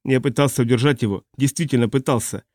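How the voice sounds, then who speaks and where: A man's voice: medium pitch, quick pace, darkish tone, dry recording, clean studio sound, natural voice. A man reading the part of a guilt-ridden young man who speaks through sobs. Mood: guilty. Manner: tearful, pleading.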